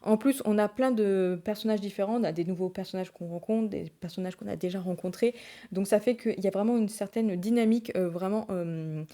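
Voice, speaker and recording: A woman's voice: medium pitch, brisk, mellow. A young woman vlogging casually about her books and colouring, rambling with many hesitations. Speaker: book vlogger. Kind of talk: casual chat to camera.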